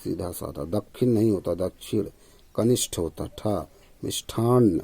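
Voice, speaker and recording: A man teaching Hindi spelling and grammar for exams, reading each question aloud and then dropping low and quiet for the answer, often adding "है ना". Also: moderate pace, vocal fry, slightly rough, no echo. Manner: repeats himself, tag "है ना". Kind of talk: casual exam-prep lesson.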